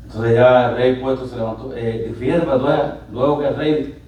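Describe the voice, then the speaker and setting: A male pastor preaching a sermon, animated and building up to loud exclamations, recorded in a church sanctuary. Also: mid-range voice, brisk, recorded from a distance. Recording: echoey church hall miked from afar.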